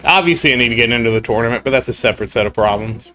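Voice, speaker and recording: This gaming streamer, stuffed up from a cold, has a mid-range voice and a sharp tone, and his words come racing out. Soft music plays behind his exasperated, rambling, grumbling live stream chat.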